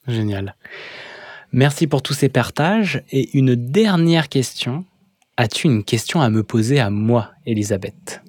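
A man's voice: mid-range voice, animated, measured pace, a little mellow, husky, no echo, studio quality. A man hosting a podcast, speaking in an encouraging, coaching tone as he wraps up the show. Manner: upbeat, thankful. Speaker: podcast host. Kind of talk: podcast interview and outro.

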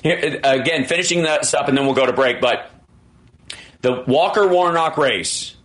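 A man's voice: fairly high pitch, normal speed, a bit bright. Emphatic man hosting political talk radio. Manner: emphatic, riffing, jokey. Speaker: radio show host.

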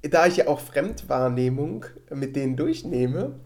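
A man's voice: a little high, expressive, unhurried, darkish tone. A man from the Rhineland with a Rhineland German accent, a teacher chatting casually as a podcast co-host and telling classroom anecdotes. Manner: chatty, laughs easily, tells classroom anecdotes. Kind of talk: casual chat. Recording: echoey room.

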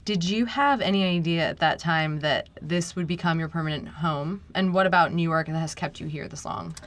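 A woman's voice: deep voice, moderate pace. A woman co-hosting a podcast, introducing her guest and asking questions in an encouraging way. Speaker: podcast co-host. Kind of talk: interview questions.

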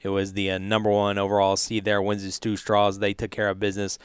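A man hosting casual live sports radio, halting often with fillers. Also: lowish voice, monotone, clean tone, no echo, studio quality. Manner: halting, filler-heavy delivery. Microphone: close studio radio microphone.

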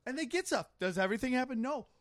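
A man with a high-pitched voice and a dry, close sound talks in an excited, emphatic way and swears freely. He is a comedian guest on a casual podcast recorded in a home studio. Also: no echo. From Armenian and Italian heritage. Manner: excited, heavy swearing, rapid emphatic bursts.

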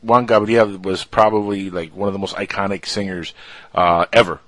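A man's voice: sits low, steady tone, normal speed, a bit bright, no echo. A man co-hosting a casual talk show, telling things earnestly with many fillers. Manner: earnest, filler-heavy storytelling. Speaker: co-host. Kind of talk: casual podcast chat.

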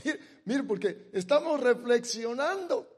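Preacher guy, high voice, slow, calls everyone brother, gets loud then goes soft. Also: lively intonation, breathy edge. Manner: emphatic, swells loud on key words, then drops soft and intimate; addresses listeners as brother, repeats words. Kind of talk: sermon with Bible reading.

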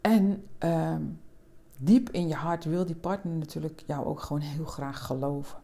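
Calm reflective woman podcaster, lowish voice. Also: unhurried. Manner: calm, reflective, with many hesitations. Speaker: podcast host. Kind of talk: relationship advice podcast monologue.

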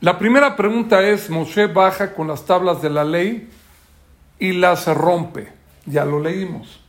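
A man's voice: high voice, takes it slowly. A man giving a weekly Torah class as a sermon, telling a story and acting out the characters' lines.

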